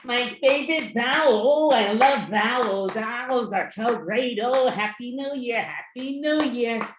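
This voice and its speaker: A performer putting on a slow, gushing, sing-song Baby New Year voice, recorded in an echoey room. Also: medium pitch, a little hiss or hum, voice pushed up, close to an everyday voice.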